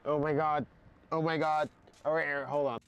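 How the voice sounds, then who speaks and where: A man's voice: fairly high pitch, flat delivery, brisk, fairly bright tone, clear, resonant tone, muffled recording. A young man live-streaming a game, frustrated and swearing while talking to his chat.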